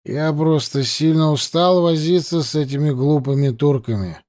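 A man's voice: fairly high pitch, normal speed, darkish tone, natural voice. A man voicing a drunk, weary male French officer who talks in a tired, swaying way, read as an audiobook. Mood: weary scorn. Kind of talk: audiobook reading.

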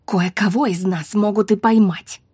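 A woman's voice: mid-range voice, steady tone, normal speed, mellow, slightly rough, no echo, studio quality. A woman voicing a blunt young female cadet with terse lines, in an audiobook.

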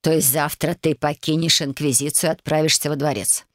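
A woman voicing a gruff old grandmother witch. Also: low-pitched, fairly even intonation, no room sound, studio quality, close to an everyday voice. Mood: stern. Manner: slow, gruff and reproachful. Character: stern scolding grandmother witch over eighty.

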